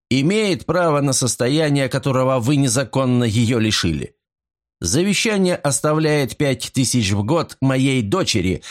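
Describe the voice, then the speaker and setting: A man's voice: medium pitch, voice pushed up, lightly acted. A man voicing a stern male detective who speaks in clipped, emphatic sentences in an audiobook.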